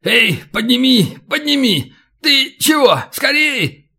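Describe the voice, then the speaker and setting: In an audiobook, a man doing a terrified young bandit, begging in a rush. His pleas climb high and break into shouts of panic. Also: animated, a little slow, creaky, exaggerated voice. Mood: panicky. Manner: pleading, panicky.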